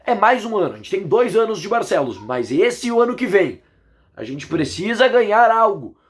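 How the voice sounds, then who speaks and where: Brazilian guy doing a football vlog, kinda hoarse, higher voice, sounds fed up and pushy about it. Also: big pitch swings, moderate pace, slight background noise. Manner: indignant, emphatic. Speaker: football commentator. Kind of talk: casual football analysis vlog.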